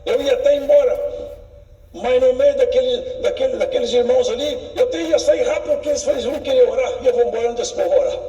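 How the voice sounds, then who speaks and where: A man with a very high voice and a Brazilian Portuguese accent preaches a fervent sermon, crying out praise one moment and dropping to quiet asides the next. He sounds distant from the mic, caught in a roomy hall with a long, lingering reverb. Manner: fervent, exclamatory, swings from loud cries to quiet asides. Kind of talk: sermon with personal testimony. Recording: echoey hall from far off.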